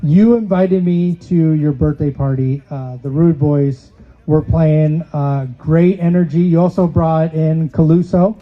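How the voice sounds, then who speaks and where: Male interview host, higher register, casual chat, slightly lo-fi sound. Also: fairly even intonation, measured pace. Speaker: show host.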